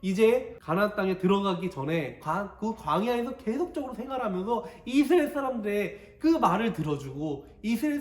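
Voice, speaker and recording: A male pastor telling a story in a sermon and acting out the characters. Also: very high voice. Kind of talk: animated sermon for a church ministry. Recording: echoey church hall.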